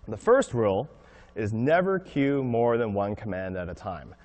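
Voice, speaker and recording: A man presenting a conference talk on game design, explaining in an animated way and acting out what players think. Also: lowish voice, moderate pace, muffled recording. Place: conference hall.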